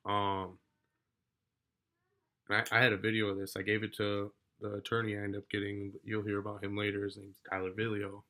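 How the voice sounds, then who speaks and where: Gravelly man telling his own story. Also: on the low side, completely flat delivery, brisk. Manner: rambling, swears, gets loud when reliving the argument. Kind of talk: casual personal account.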